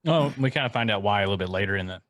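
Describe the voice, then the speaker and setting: A man's voice: fairly low pitch, very fast, a bit bright. A man co-hosting a podcast in casual chat, joking and chuckling a lot. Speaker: podcast co-host.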